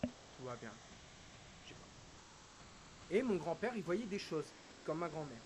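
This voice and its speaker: A male streamer recounting a personal loss in halting, emotional storytelling, his voice dropping to a hush and then rising again. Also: fairly high pitch, very animated, rough recording. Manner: halting, quotes dialogue, swings between hushed and raised. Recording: hissy background noise.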